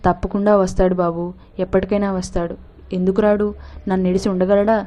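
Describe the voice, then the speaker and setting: A woman's voice: mid-range voice, level tone, brisk, warm tone, natural voice. A woman reading as a trusting young village woman. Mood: earnest. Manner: earnest, firm. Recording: dull lo-fi recording.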